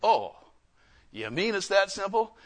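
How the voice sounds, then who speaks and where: A man, probably middle-aged, delivers a sermon as a preacher and missionary, folksy and emphatic, full of personal anecdotes and rhetorical questions. His high-pitched voice has a sing-song lilt at a measured pace.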